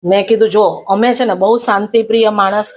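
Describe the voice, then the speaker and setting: A woman's voice: mid-range voice, fairly even intonation, brisk. A middle-aged woman telling a gossipy comic story, mocking and chatty. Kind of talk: comic monologue.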